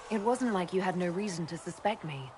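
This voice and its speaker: An actress playing a principled, questioning elven mage heroine in a fantasy video game, direct and plain-spoken. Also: female voice, lowish voice, lively intonation, brisk, darkish tone, slight background noise, close to an everyday voice. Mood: calm, questioning.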